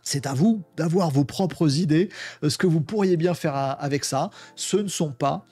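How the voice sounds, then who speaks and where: A middle-aged man casually explaining software in a screen-share tutorial, chatty and animated, with frequent hesitations and little mock dialogues. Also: on the high side, moderate pace, husky, faint music behind. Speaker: tech tutorial host.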